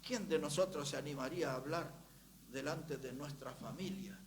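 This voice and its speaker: Male Baptist preacher, high-pitched and emphatic, with sermon delivery that swings from hushed to loud, over a faint background hiss. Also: moderate pace.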